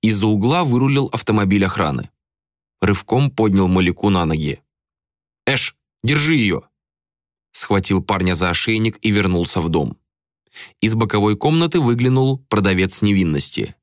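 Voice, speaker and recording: A man's voice: fairly low pitch, animated, moderate pace, dry recording, clean studio sound. A man narrating an audiobook with dramatic storytelling.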